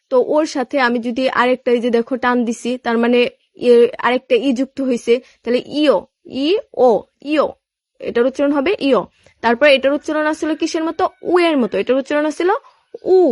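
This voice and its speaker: A fairly high-voiced woman with a Bangladeshi Bengali accent teaches a beginners' lesson in a relaxed, conversational way. She keeps asking a question and then answering it herself, patiently going over each point. The sound is dry and close, with no room around it. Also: no room sound. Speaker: Korean language tutor. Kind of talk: casual spoken lesson.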